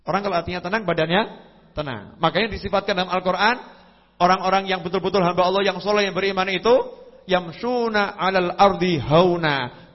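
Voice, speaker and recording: A man giving a religious lecture, telling stories with sudden leaps in pitch and voiced sound effects. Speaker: preacher. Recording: lo-fi hall recording with long reverb.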